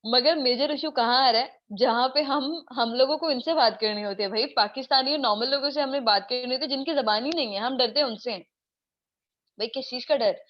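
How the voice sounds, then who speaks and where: A Pakistani-accented woman lectures in a chatty way and keeps asking her students questions. Her voice sits a little high. The recording sounds dull and lo-fi. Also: fairly quick. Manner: chatty, asks the class questions. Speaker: English teacher. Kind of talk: informal online class lecture.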